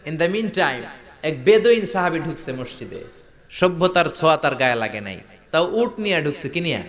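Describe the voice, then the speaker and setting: A man preaching a sermon, animated and storytelling, often calling on the crowd to answer and shouting. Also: on the high side. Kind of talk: Islamic sermon (waz). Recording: echoey hall, muffled lo-fi sound.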